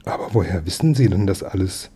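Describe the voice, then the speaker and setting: A man's voice: deep voice, lively intonation, a little fast, mellow, breathy edge, heavily acted. A man reading aloud and voicing an anxious, fretful mother who is a hairdresser, with flustered exclamations. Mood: worried.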